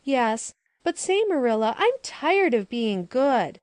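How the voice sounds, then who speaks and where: Woman voicing a mischievous little boy, high bouncy voice, chattering, dry sound. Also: very animated, takes it slowly, a little mellow, dry recording. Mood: eager. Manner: eager, chattering. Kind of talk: audiobook character voice.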